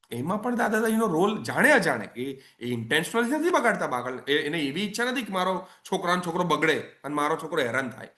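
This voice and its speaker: Animated parenting coach. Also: male voice, on the high side. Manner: conversational, coaxing, repeats phrases for emphasis. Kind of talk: webinar talk.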